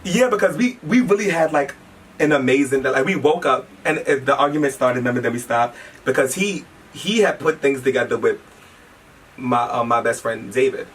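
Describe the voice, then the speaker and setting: A man telling a personal story in casual chat, animated and quick to laugh, swearing freely. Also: medium pitch. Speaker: interviewee telling a shared story. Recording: distant mic with faint background noise.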